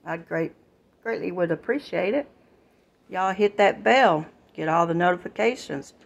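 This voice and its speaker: An older woman chatting casually through her grocery haul at home, homely and relaxed, addressing viewers as y'all, recorded on a phone in her kitchen. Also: on the low side, unhurried, creaky, highs cut off. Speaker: vlogger.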